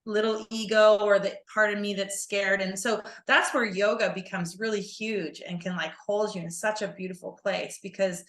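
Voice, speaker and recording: Animated woman yoga teacher, echoey room. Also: medium pitch, normal speed, hardly any pauses. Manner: animated, acts out students' panicked voices. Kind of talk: casual podcast chat.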